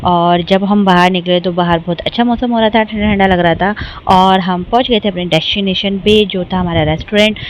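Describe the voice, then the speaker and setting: A woman's voice: medium pitch, fairly quick, slight background noise, low-quality recording. Chatty young woman narrating her vlog. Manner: chatty, self-mocking, animated storytelling. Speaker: vlogger and mother. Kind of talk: casual vlog voice-over narration.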